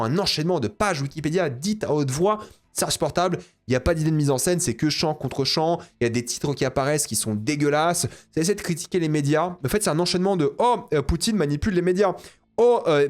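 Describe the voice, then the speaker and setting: A young man giving a casual spoken film review, exasperated and ranting, repeating himself. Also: a little high. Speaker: film critic.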